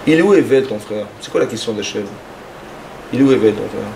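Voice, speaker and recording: A man giving a lively sermon as a rabbi, acting out little dialogues in his talk. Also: a little fast, gravelly, a little hiss or hum. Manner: animated, acts out dialogues with rising pitch.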